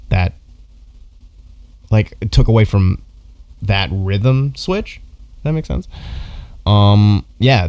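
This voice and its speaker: Male streamer-judge, low gravelly voice, rambling casual commentary, dry close sound. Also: warm tone, dry recording. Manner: rambling, filler-heavy, laughs while talking. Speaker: beatbox judge reacting to entries.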